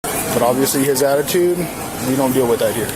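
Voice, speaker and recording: Male cop, matter of fact, talks quick, really noisy on-scene audio. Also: mid-range voice. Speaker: police officer. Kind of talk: casual on-duty talk.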